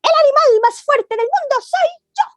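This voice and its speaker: A woman's voice: expressive, normal speed, no room sound, studio quality. A woman voicing a tiny, cheeky, boastful male rabbit in a told children's tale. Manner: squeaky, bouncy, bragging storybook voice.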